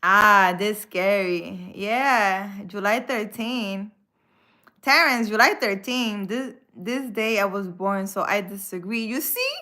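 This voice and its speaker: Slowly and with a sharp, medium-pitched voice, a woman from the Dominican Republic talks casually with viewers on her live stream. She's a spiritual healer and host who laughs frequently and slips in Spanish words.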